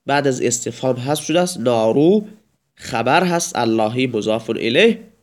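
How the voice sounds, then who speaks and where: A man's voice: medium pitch, lively intonation. A man teaching Arabic grammar in a recorded lecture, explaining step by step and reciting examples in a raised voice.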